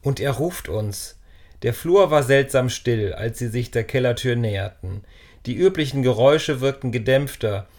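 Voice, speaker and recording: Man, storybook narrator, calm, measured, mid-pitched.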